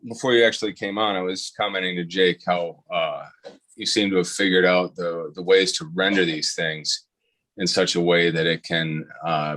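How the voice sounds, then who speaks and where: Low-voiced guy hosting a video call, lots of uhs and restarts. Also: sharp tone. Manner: halting, many fillers and restarts. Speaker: host. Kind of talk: casual video-call interview.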